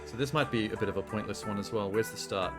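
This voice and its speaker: A man's voice: fairly low pitch, quick pace, music in the background. A man giving casual, offhand live reaction commentary as a streamer, speaking bluntly and swearing freely. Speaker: livestreamer reacting to a game show broadcast.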